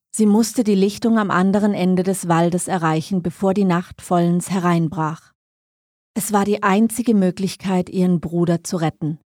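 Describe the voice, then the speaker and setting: A woman reading a scripted dark fantasy story as narrator, in a measured, suspenseful way. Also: on the low side, dry recording, studio quality.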